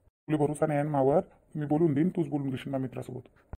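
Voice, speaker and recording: A man voicing a sly cheating husband in a cartoon, speaking in a fretful, rapid patter. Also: a little high, steady tone, vocal fry, mellow. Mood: evasive. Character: sly cheating husband, caught between wife and lover. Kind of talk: cartoon voice acting.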